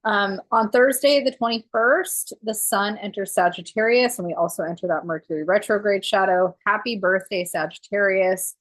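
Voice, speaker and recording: A woman's voice: medium pitch, normal speed, few pauses, no echo, rough recording. A woman astrologer giving a casual monthly forecast, chatty and full of fillers.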